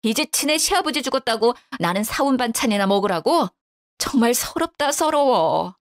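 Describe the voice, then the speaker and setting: A woman's voice: fairly high pitch, lively intonation, normal speed, no echo, clean studio sound, voice pushed up. A woman voicing a grumbling older widowed mother-in-law who talks bluntly and reproachfully. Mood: indignant.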